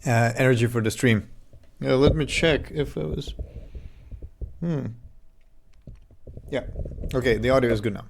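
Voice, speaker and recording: A man from Serbia with a Serbian accent, chatting casually on a game development live stream into a desk microphone, halting and full of fillers. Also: mid-range voice, creaky, a little hiss or hum. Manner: halting, many fillers and restarts.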